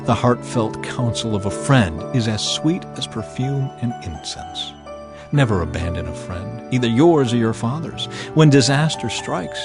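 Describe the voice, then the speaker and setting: Scripture is narrated by a man in a dramatized reading set to background music. As a Bible narrator, he uses a mid-range voice with a theatrical, emphatic and deliberate delivery.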